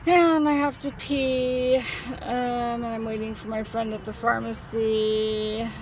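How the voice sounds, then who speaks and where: A woman vlogging casually, weak, groggy and in pain after surgery, speaking in a halting, drawn-out way. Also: fairly high pitch, level tone, darkish tone, slight background noise, rough recording. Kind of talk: casual vlog chat.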